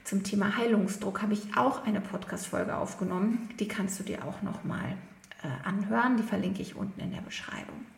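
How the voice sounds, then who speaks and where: A woman coach giving a thoughtful self-help talk, gently searching for words with frequent pauses and fillers. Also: medium pitch, creaky. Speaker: therapy coach. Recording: echoey room.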